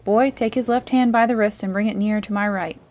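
Storybook villain: a sinister blind old beggar, sing-song and soft-spoken with a cold, cruel edge, put on by a woman reader. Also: mid-range voice, fairly even intonation, fairly quick, natural voice. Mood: menacing. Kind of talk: storybook read-aloud.

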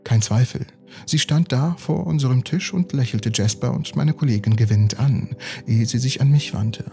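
A man reading a bedtime story as a calm, even storyteller. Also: medium pitch, gravelly. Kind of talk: scripted bedtime story narration.

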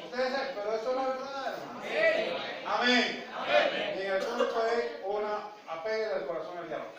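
A Venezuelan man preaches with a very high-pitched voice, bursting into sound effects and shouted vendor calls. He is picked up from across an echoing church hall. The congregation can be heard around him. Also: a little fast, distant mic, highs cut off, a crowd in the background. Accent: Venezuelan Spanish. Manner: animated, full of boxing and street-vendor sound effects. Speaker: pastor. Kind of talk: lively sermon. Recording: echoey church hall, voice from afar, congregation audible.

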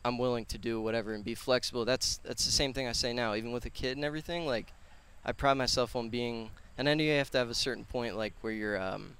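Outdoors on a concrete patio, a young man in his twenties who trains clients and owns a gym chats as a podcast guest through a headset mic. His speech is slangy, rambling, casual and earnest, delivered fast with hardly any pauses in a medium-pitched, slightly bright, clean tone.

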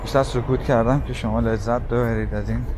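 A man in his fifties narrating a casual walking tour outdoors, slow and admiring, with frequent pauses. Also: medium pitch. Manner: slow, relaxed and admiring, pausing often. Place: outdoors on city streets. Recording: noisy outdoor street recording. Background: street noise and passing cars.

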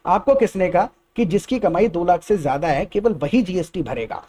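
Man, Indian accent, English teacher, high pitched, dark mellow tone, patient step-by-step explaining. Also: lively intonation, normal speed. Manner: explains step by step, asks "Getting my point?". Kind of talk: spoken English lesson.

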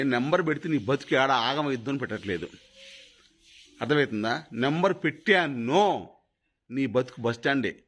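A man's voice: mid-range voice, a bit bright, a little hiss or hum. Angry threatening man. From Khammam, Telangana. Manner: angry, threatening, repeats himself. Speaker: video creator. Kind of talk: angry direct-to-camera rant.

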